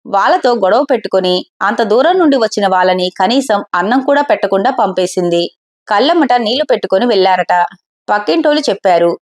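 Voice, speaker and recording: A woman's voice: medium pitch, animated, brisk, natural voice. Woman voicing a hurt young tea-stall husband. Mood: aggrieved. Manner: plaintive, respectful, aggrieved.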